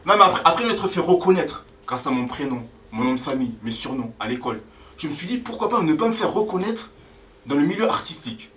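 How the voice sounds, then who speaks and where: A young man from Angola doing a stand-up comedy set on a club stage, loudly hyping the crowd between jokes. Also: on the high side, quick pace, recorded from a distance, slight background noise, low-quality recording. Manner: animated, hyping the crowd with loud calls. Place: comedy club stage before a live audience.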